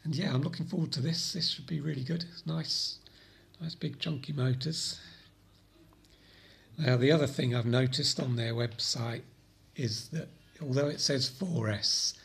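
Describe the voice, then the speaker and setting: A man with a croaky voice from a cold, casually explaining a fix in a hobby vlog, rambling with frequent ums and repeated words. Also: mid-range voice, measured pace. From Britain. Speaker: drone hobby channel host.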